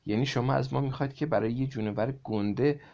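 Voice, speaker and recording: A man's voice: mid-range voice, gravelly, dark tone, highs cut off, pitched above the performer's own voice, close to an everyday voice. A man voicing a scared schoolboy who pleads with his teachers, reading a storybook aloud. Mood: pleading.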